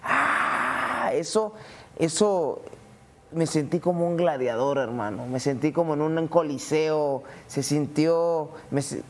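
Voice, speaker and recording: Cocky young mexican dude hyped up, kinda high voice, laughs a lot. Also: male voice, a little slow. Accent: Mexican Spanish. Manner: animated, laughing, brash, calls people "hermano". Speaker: interview guest, UFC fighter. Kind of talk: casual interview answers.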